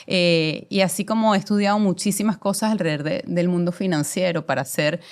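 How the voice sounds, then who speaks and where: With a fairly low voice and a slightly fast pace, a commercial director in her forties talks through her career during a conversational interview. She has a Venezuelan Spanish accent and reflects aloud, using plenty of fillers.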